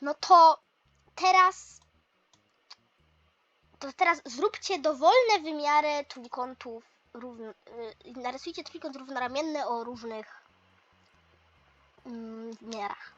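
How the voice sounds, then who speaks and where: A woman's voice: high voice, slow pace, pauses often, fairly bright tone, dry recording, muffled recording. A woman voicing a patient young male math teacher in a toy role-play lesson, explaining step by step with mild teasing.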